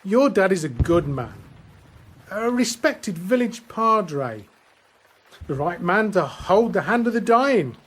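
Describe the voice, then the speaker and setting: In a radio drama, an actor plays a grim, weary First World War soldier counselling a lad. The male voice sits high and is exaggerated, and the delivery is measured and earnest with pauses. The mood is earnest and fatherly.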